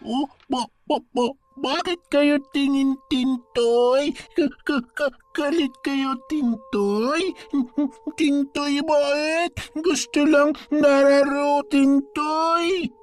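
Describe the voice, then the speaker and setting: A woman's voice: high voice, steady tone, very slow. A woman voicing a frightened, childlike, simple-minded young man who stutters and calls himself by name in a horror story dramatization. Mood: confused. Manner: stuttering broken speech, refers to himself by name.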